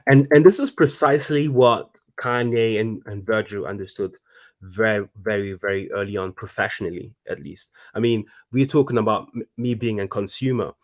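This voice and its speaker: With a lowish voice and moderate pace, a man in his thirties from Congo (DRC) speaks casually as a guest. This fashion designer is animated and restarts himself a lot.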